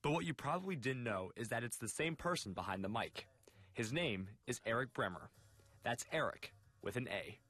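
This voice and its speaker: A young man reading a scripted television news report in a measured way. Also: medium pitch, animated, fairly bright tone. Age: young adult.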